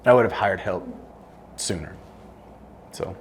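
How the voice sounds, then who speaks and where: A middle-aged man speaks in a fairly low voice, plain and blunt, as a guest in an on-stage interview. He often breaks off and restarts his sentences. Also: measured pace, a little hiss or hum. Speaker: construction company owner, guest. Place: event room with audience.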